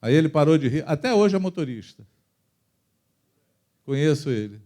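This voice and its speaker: A man's voice: on the high side, sing-song, normal speed. Brazilian preacher man telling his story. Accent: Brazilian Portuguese. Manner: emotional storytelling, swings between loud and soft. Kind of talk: sermon testimony. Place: church.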